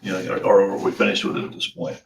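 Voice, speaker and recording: A man serving as a county official, thinking out loud in a measured way during a public meeting. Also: low-pitched, sing-song, creaky, slight background noise. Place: county council chambers. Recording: echoey room, distant mic.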